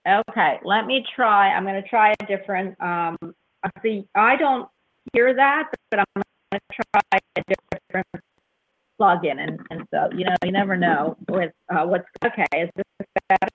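A woman's voice: medium pitch, moderate pace, a bit bright. A middle-aged woman hosting a call-in show, talking flustered through a bluetooth headset mic that keeps breaking up. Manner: flustered, repeatedly asking if she can be heard. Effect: choppy bluetooth headset mic that keeps breaking up. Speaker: host of an online call-in show. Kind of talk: casual call-in chat. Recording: tinny phone line that breaks up.

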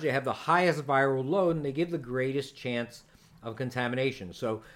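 Man explaining on a medical podcast. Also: mid-range voice. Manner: explanatory, joking, with frequent fillers. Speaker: podcast host answering listener questions. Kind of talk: casual podcast chat and explanation.

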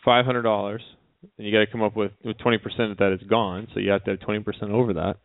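Man, lowish voice, deadpan jokes, casual talk, dry close sound, tinny phone-like line. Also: fast, no room sound. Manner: wry, deadpan joker. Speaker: radio show co-host. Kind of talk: casual chat.

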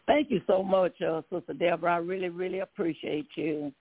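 A woman's voice: fairly low pitch, fairly even intonation, a little fast, breathy edge. A woman calling a prayer line, giving short devout responses and thanks. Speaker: caller receiving prayer. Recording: tinny phone or radio-like line.

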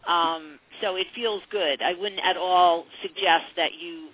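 Lowish-voiced woman hosting phone-in radio. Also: fairly even intonation, measured pace, breathy edge. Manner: hesitant, reflective, often repeats phrases. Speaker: psychic advice radio host. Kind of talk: conversational live call-in advice. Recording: narrow phone-like radio sound.

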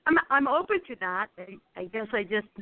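A polite woman calling in to a radio show over the phone, thanking the host and laughing softly. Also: mid-range voice, very animated, brisk. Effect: caller heard over a phone line. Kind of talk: casual call-in conversation. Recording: tinny phone line.

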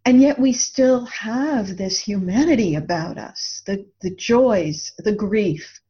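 A woman who co-hosts a radio show and writes books speaks thoughtfully in a reflective discussion, posing questions to the listener. She takes it slowly, her middling-pitched voice mellow and rather husky, and the recording is a little dull.

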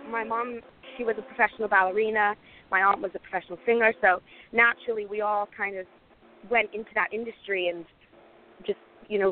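A young woman born in Lebanon, a singer answering interview questions in a casual, grateful way with many fillers. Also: medium pitch. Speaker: guest singer. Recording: tinny phone-like line.

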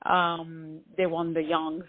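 A woman's voice: sits low, little pitch movement, slow pace. A woman musician who grew up in France, answering interview questions hesitantly with many fillers. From Lebanon, raised in France. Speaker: musician guest. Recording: tinny phone-line sound.

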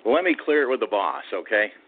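A man with a smooth, velvety voice chatting casually about sports as a regular call-in expert, over a phone line. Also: fairly low pitch, lively intonation, a little fast. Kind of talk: casual sports talk chat. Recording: narrow, tinny phone line.

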